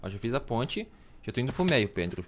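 Man, brazilian accent, relaxed gaming banter, keyboard typing and faint noise behind. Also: medium pitch, fairly quick. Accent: Brazilian Portuguese. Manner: relaxed slangy banter, bursts of surprise. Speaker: gaming channel host. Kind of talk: casual gaming chat.

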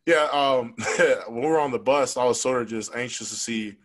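A young college football player answers reporters at a post-game press conference, speaking into a desk microphone on a stand in a press room with a logo backdrop. His mid-range, fairly bright voice comes across frank, fast and conversational, with many fillers, on a rough recording.

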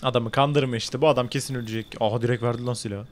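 A man giving excited gameplay commentary, loud and joking, swearing and talking back at the screen. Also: medium pitch, very fast, slight background noise. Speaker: gamer.

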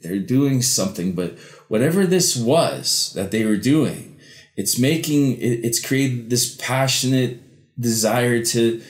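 A man giving an improvised mystical horoscope reading as a tarot reader, halting and repeating words as he interprets. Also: mid-range voice. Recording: roomy echo.

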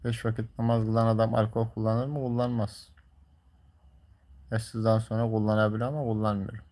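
Gravelly man chatting on a livestream. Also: on the low side, little pitch movement, fairly quick, warm tone. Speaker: live streamer. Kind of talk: casual livestream chat.

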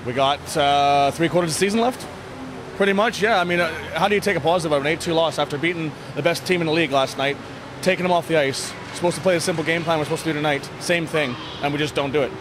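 Speaking fast and fairly high-pitched, a thirty-something hockey bench coach talks frankly after a game, holding a handheld interview mic. He's plainspoken and halting, often repeating himself. Behind him, the noisy indoor arena with blue block walls fills the recording with ambience.

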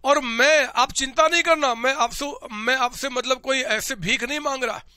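A desperate employee pleads urgently with his boss for money, as a male teacher acts him out in class. The voice is high and sharp, recorded close and dry. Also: fairly even intonation, moderate pace, clear, resonant tone, no room sound, exaggerated voice. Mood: pleading.

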